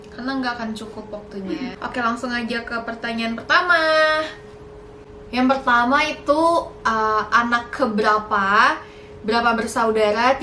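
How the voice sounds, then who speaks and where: Young woman, fairly high voice, chatty and a bit nervous, casual vlog, echoey room, faint background hum. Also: pushed and bright. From Indonesia. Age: young adult. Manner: chatty, slightly nervous, mixing in English words. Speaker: YouTuber.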